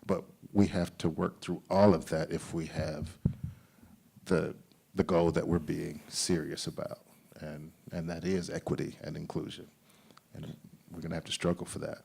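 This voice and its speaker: A man's voice: extremely low pitch, little pitch movement, normal speed, creaky, warm tone, slightly rough. A man speaking earnestly on a discussion panel, emphatic and given to repeating his phrases. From United States.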